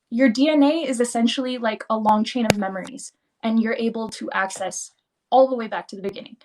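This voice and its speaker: A native Spanish-speaking woman, appearing as a guest on a livestream chat, explains things quickly and ramblingly, sprinkling in lots of "like"s. Her voice sits on the high side, and the audio quality is poor.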